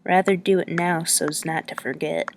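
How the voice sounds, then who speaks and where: A woman's voice: fairly low pitch, steady tone, moderate pace, noisy background, natural voice. A woman reading the lines of a young woman traveler who answers briefly and hesitantly.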